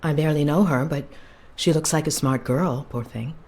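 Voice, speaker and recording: An actress playing a weary, guarded waitress and cleaner in a video game, hesitant, working the counter as a fast food cashier. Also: female voice, low-pitched, darkish tone.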